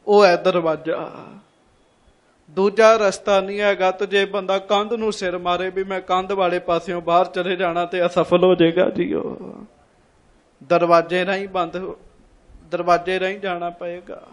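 High-voiced man preaching a sermon. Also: flat delivery, normal speed. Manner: repeats lines, asks the congregation questions; calls the congregation to respond. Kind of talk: sermon storytelling.

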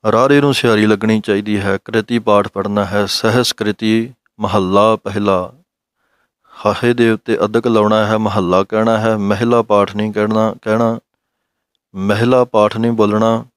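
A man teaching careful scripture pronunciation, reciting lines slowly and then explaining each sound. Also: lowish voice, flat delivery, smooth, no room sound. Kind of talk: recitation lesson.

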